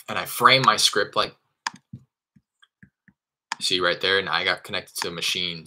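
A real estate wholesaler with a low-pitched, sharp-toned voice walks through his cold-calling routine in a live screen-share tutorial. He's loose and chatty, swearing now and then, and a faint hiss or hum sits under the audio.

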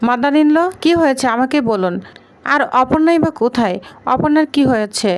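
A woman's voice: high voice, animated, fairly quick. A woman reading the lines of a pushy, prying young wife in a plainly read serial recap. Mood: insistent.

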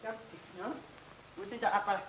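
A man's voice: high-pitched, level tone, quick pace, a bit bright, a little hiss or hum, low-quality recording. A fussy, flustered man. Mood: fretful. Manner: rambling, stammering, fretful. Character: fussy flustered Austrian man, anxious about travel. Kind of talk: 1930s film comedy acting.

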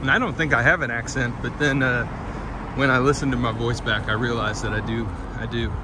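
A man's voice: medium pitch, steady tone, fairly quick. Southern man streaming from a noisy street. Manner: friendly, greets chat viewers by name, chuckles. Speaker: live-stream walking host. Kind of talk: casual live-stream chat while walking. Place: outdoors on a city street. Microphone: phone carried while walking. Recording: loud street noise and traffic.

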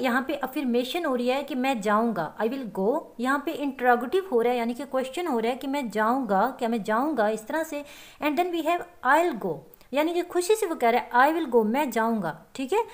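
A woman with a high voice teaches a lesson, walking through each term step by step. She slows right down when she reads out the English definitions. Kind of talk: classroom-style lecture.

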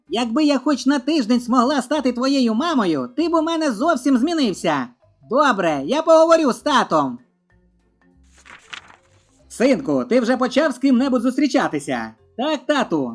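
Female joke reader with a high, animated voice and soft background music; she deepens her voice for the men in each joke. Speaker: joke narrator. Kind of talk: reading a string of short jokes.

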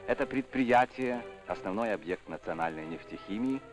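Man, old newsreel narrator, lowish voice, formal declamatory delivery, loud music underneath. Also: expressive, moderate pace. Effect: old newsreel sound. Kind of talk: 1960s Soviet newsreel narration.

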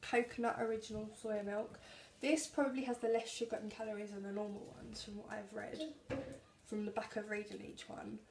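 Filming a grocery haul vlog in her small home kitchen, a young woman reads labels and calorie counts aloud to a camera held at arm's length. She talks a little fast in a mid-range voice that doesn't move much in pitch. The recording is echoey, with background noise in the kitchen.

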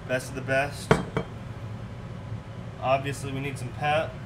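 A man's voice: mid-range voice, flat delivery, a little slow. A young man hosting a home cooking livestream, chatting casually with viewers as he preps food in his kitchen. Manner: laid-back, chatty, talks to viewers in chat while cooking. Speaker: cooking show host. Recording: distant mic with clear room noise.

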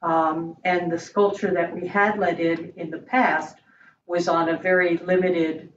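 A woman board member explaining her view at a meeting in a hesitant, halting, measured way. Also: on the low side, little pitch movement. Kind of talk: deliberative meeting discussion. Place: indoor meeting room around a large table. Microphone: far room mic on a video call. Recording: echoey room, distant mic, dull, faint noise.

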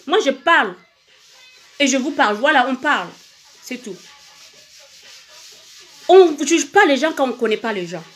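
High bright Comorian woman livestreaming. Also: animated, moderate pace, long pauses, faint music behind. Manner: emphatic, repetitive, asks viewers for hearts. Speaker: singer on a livestream. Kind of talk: casual livestream monologue.

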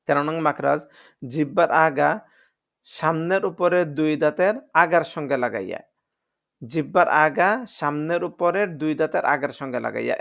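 A man teaching Quran pronunciation step by step. He explains patiently and drills each letter sound slowly, repeating it several times. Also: a little high, creaky, fairly bright tone. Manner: patient, explanatory, addresses viewers as friends.

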